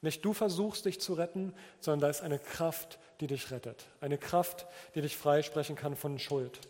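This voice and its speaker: A man's voice: a little high, steady tone, normal speed, darkish tone. A man preaching a sermon in an informal, explanatory manner, using an everyday object as an illustration. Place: church hall. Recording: reverberant church hall.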